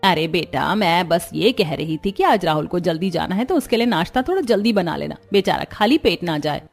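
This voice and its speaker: A woman's voice: on the low side, lively intonation, fairly quick, gravelly. A woman voicing a kind, caring middle-aged mother-in-law who speaks soothingly but firmly. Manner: soothing, gently firm. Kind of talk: cartoon story voice acting.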